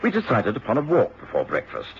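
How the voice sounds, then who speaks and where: A man playing a genial middle-aged gentleman doctor in a radio drama. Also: mid-range voice, wildly swooping pitch, fairly quick. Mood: reflective. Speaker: actor and first-person narrator. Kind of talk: radio drama narration and dialogue. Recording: dull, lightly noisy radio recording.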